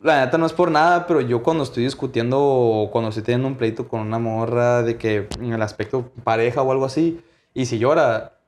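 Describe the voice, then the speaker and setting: A man's voice: mid-range voice, steady tone, brisk, darkish tone, a little hiss or hum. A young man with a Mexican Spanish accent giving blunt opinions in casual chat, slangy, with apologetic asides.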